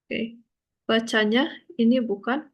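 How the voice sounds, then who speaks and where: A woman teaching a language lesson, explaining slowly and patiently and checking often that her student understands. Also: on the high side, flat delivery. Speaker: Korean teacher.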